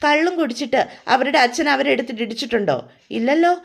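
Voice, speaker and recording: A woman voicing a stubborn, boastful young man who is drunk, talking slowly and defiantly. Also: high voice, husky. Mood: scornful. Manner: slurred, slow, defiant drunken talk.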